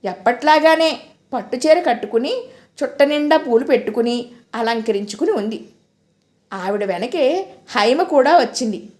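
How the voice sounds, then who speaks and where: A woman narrating a novel in the first person with expressive storytelling. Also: high-pitched. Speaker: audiobook narrator.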